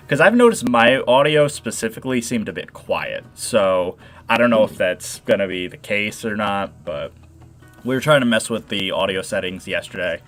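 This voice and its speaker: A man's voice: fairly low pitch, a bit bright. A young man with a nasal voice hosting a modding livestream, chatting and rambling as he explains his work. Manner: rambling, chatty, reads and answers chat. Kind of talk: casual livestream tutorial.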